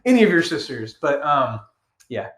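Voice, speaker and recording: A man's voice: fairly high pitch, very animated, normal speed, fairly bright tone. Young man rambling on an echoey podcast. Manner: rambling, filler-heavy, playful. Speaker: podcast host. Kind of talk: casual chat.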